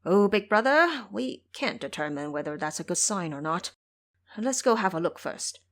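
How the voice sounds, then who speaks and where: A woman's voice: medium pitch, expressive, moderate pace, lightly acted. Woman acting a cautious, earnest monk. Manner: earnest, warning. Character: cautious, sensible male monk, loyal younger brother.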